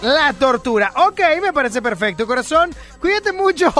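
A woman hosting a radio call-in show, teasing and playful with callers and quick to laugh. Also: sits high, big pitch swings, a bit bright. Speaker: radio host taking song requests. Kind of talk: casual call-in banter. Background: music.

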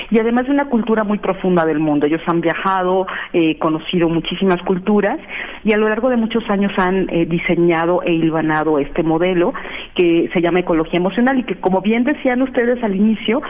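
A woman's voice: on the low side, a little fast. A woman from Mexico, a guest institute director, speaking in a radio interview by phone with many fillers. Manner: affirming, talks with many fillers. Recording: phone line.

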